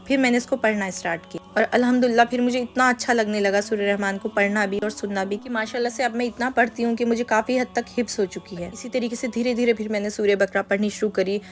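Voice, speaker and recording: A woman hosting her own channel, telling a personal religious testimony in an earnest, confiding, unhurried way. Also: on the high side, steady tone. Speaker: channel host.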